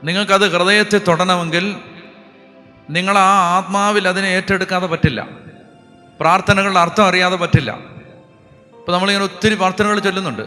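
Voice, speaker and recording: A priest preaching a sermon, often questioning the congregation and moving between loud proclamation and quiet asides. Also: male voice, sits high. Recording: long hall reverb with faint music behind.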